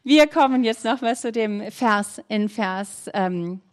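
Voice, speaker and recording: A woman preaching a sermon, earnest, asking her listeners questions and reading scripture slowly with emphasis. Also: on the high side.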